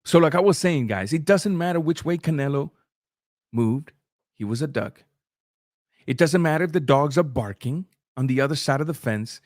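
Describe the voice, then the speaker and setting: Reading super chats during his live boxing stream, a middle-aged Spanish-speaking man talks loosely and conversationally, with filler sounds and restarts. His rather high voice has lively intonation, a normal pace and a darkish tone. It's captured in studio quality without any echo.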